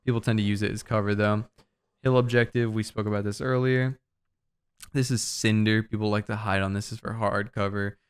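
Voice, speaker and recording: Young male streamer, smooth lowish voice, relaxed filler-heavy guide talk, slightly winded. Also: a little fast. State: out of breath. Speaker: streamer explaining game map callouts. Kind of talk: casual game guide narration.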